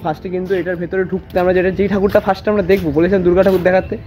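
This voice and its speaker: A young man with a Kolkata Bengali accent, chatting rapidly as he walks a friend through a museum for his vlog. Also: high-pitched, little pitch movement. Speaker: vlogger. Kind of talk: casual walking vlog. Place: museum grounds in Kolkata, walking. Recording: dull lo-fi with music underneath.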